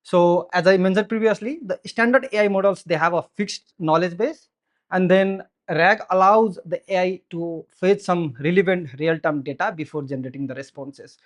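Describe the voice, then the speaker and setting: A man's voice: high voice, moderate pace. A man from Nepal in his thirties with a Nepali accent, giving a meetup tech presentation into a handheld mic, earnest and explanatory with many "so" and "uh" fillers. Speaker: software engineer giving a meetup talk. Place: meetup room with audience, indoors. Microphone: handheld microphone.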